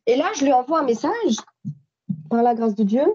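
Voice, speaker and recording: High-pitched husky French woman testifying. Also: normal speed. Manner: storytelling, animated, many restarts. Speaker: church member giving testimony. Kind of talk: spontaneous spoken testimony. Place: church meeting. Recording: slightly dull audio recording.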